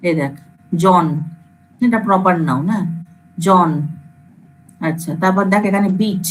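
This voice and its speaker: A woman's voice: mid-range voice, measured pace, a little hiss or hum, poor audio. Casual woman lecturer. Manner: casual, coaxing, addresses students familiarly. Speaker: computer science lecturer. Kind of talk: informal classroom lecture.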